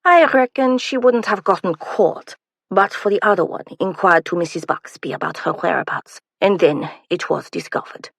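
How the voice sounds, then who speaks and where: A woman's voice: fairly low pitch, normal speed, creaky, fairly bright tone, husky, dry recording, clean studio sound, full character voice. A woman voicing a teasing, needling man. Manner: teasing, wry. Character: needling, grinning man newly arrived in England.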